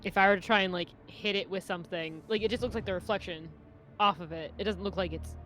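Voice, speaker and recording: A woman's voice: on the low side, fast, fairly bright tone, faint music behind. A woman playing a tabletop game, chatting and rambling with lots of "like" as she explains her character's actions. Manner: chatty, rambling with many fillers. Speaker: player. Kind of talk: casual tabletop game chat.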